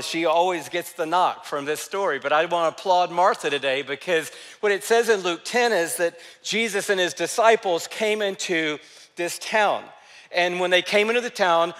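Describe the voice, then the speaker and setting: A man preaching a sermon as a pastor, telling a story with lively energy and going soft and slow for quoted lines. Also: on the high side, in a large hall.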